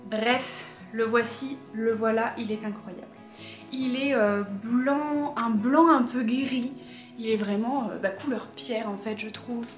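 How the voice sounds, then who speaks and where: A woman vlogger chatting to camera in a casual, excitable way, with frequent hesitations. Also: fairly high pitch. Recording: echoey room with faint music.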